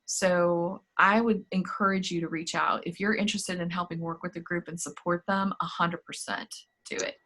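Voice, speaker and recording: A woman's voice: on the low side, steady tone, moderate pace, hardly any pauses, pushed and bright, a little hiss or hum. A woman on staff hosting a virtual campus meeting in an upbeat, chatty, encouraging way over a video call. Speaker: student activities staff host. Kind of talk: casual virtual meeting talk.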